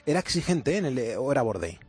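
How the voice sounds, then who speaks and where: Spanish-male radio host in a studio, husky, mid pitch, keen. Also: sing-song, fast talker, darkish tone, faint music behind. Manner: eager, frequent approving murmurs. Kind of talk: casual radio interview.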